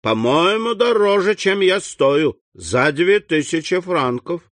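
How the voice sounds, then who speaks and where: An eager, devoted young man pleads with his mother in an audiobook, as a male reader puts him on. The voice sits a touch higher than the reader's own and leans hard on its key words. The sound is close and dry. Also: very animated, takes it slowly, fairly bright tone, no echo, heavily acted. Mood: earnest. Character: earnest young man, devoted proud son.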